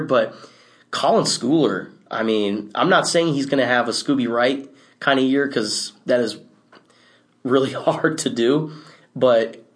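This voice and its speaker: A man co-hosting a casual sports talk show, relaxed and loose, with restarts and quick laughs. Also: mid-range voice. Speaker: sports podcast co-host.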